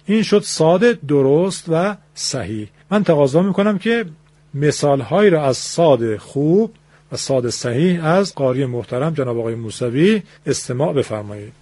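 A man's voice: on the high side, expressive, warm tone, slightly rough, dry recording. A man teaching pronunciation in a radio lesson, explaining patiently in a formal, polite way and demonstrating each sound aloud.

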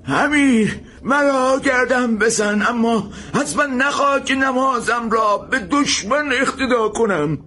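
A man's voice: high-pitched, fairly bright tone. An actor playing a defiant old male warrior who declaims in a stern, raised voice. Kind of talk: audio drama acting.

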